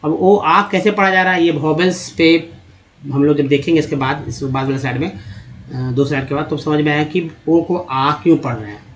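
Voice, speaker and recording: A man's voice: fairly high pitch, moderate pace, muffled recording. A man teaching English reading in a slide lesson, spelling out letter groups and sounding out each part, talking to viewers as friends. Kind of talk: slide-based spoken lesson.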